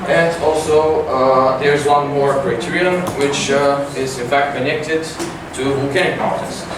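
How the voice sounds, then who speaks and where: A man's voice: on the high side, fairly even intonation. Teenage boy presenting, echoey classroom. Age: teens. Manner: halting, many fillers. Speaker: student presenter. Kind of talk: science competition report. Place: large classroom with projector. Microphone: far camera. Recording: echoey room from far off, noisy.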